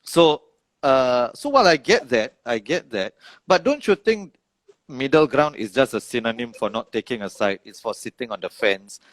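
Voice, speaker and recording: A man with a Singaporean accent, a political science professor, hosts a podcast interview, asking questions hesitantly with many fillers and restarts and laughing readily. His mid-range voice swings widely in pitch, and the low-quality recording has no room sound.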